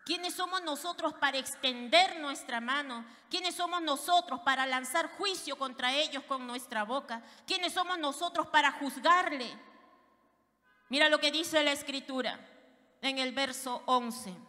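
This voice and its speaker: A woman's voice: high-pitched, unhurried, sharp tone. A woman pastor preaching a fervent sermon, speaking directly to her congregation. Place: church. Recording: reverberant church hall.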